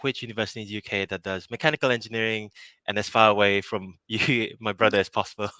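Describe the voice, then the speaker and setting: A man's voice: fairly low pitch, steady tone, fast talker, bright, forceful tone, clear, resonant tone, no echo. A man from Malaysia in his thirties, answering interview questions casually, with many fillers, restarts and easy laughs. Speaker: innovation project lead.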